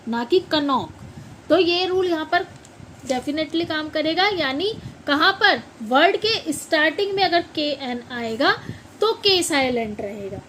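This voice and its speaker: Her high, fairly bright voice comes through a rough recording with a bit of hum. She's an English teacher explaining pronunciation in classroom fashion, spelling words out letter by letter, repeating them, and making sure everyone follows.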